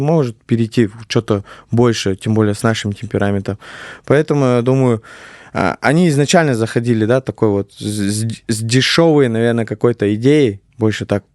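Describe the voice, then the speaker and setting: A man's voice: mid-range voice, a little mellow, no echo, clean studio sound. A man chatting casually about sport as a guest commentator, repeating phrases for emphasis. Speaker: guest commentator on MMA talk show.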